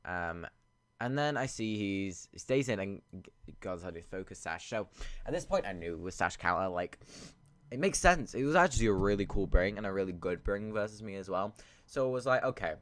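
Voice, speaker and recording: A man's voice: lowish voice, expressive, normal speed, a bit bright, no echo. A man sniffly and congested with a cold, giving casual, rambling gameplay commentary and thinking aloud. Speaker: video game battle commentator.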